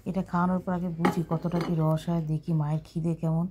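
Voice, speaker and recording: A woman narrating a casual home vlog as a caregiver, talking in a soft, coaxing way. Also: fairly low pitch, little pitch movement, fast talker, background noise. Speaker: caregiver vlogger.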